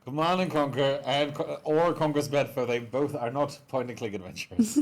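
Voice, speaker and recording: A man's voice: a little high, expressive, normal speed. A man co-hosting a game stream, talking casually and thoughtfully with hesitations. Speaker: stream co-host. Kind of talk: casual chat.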